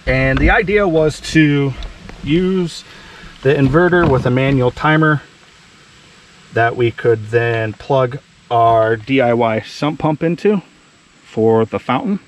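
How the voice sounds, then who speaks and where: A man's voice: mid-range voice, takes it slowly, a little hiss or hum. Man explaining a DIY solar setup. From Ohio. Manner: plain conversational, thinks aloud with fillers. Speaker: DIY outdoors channel host. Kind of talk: casual how-to explanation. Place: outdoors in a wooded yard.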